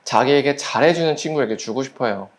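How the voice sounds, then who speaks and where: A pastor giving a children's sermon at a church service, gently asking the children quiz questions and acting out little voices in the story. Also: mid-range voice, fairly quick, heavy background noise. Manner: acts out little quoted voices while storytelling.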